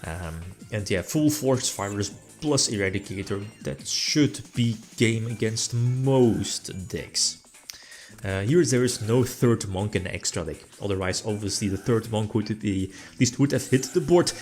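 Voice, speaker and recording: A man with a fairly low voice talks through a card game match in loose, casual commentary. He rambles and stops to restart his sentences often, with faint music playing underneath. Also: a little slow, a little mellow. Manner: rambling, full of fillers and restarts.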